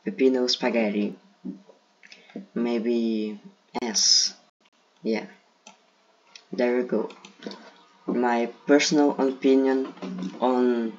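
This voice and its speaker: This is casual tier list commentary from a Brazilian gaming video creator with a mid-range voice, speaking English as a second language in a Brazilian Portuguese accent; Portuguese is his first language. He ranks game characters hesitantly, thinking aloud with fillers, recorded on a dull lo-fi mic.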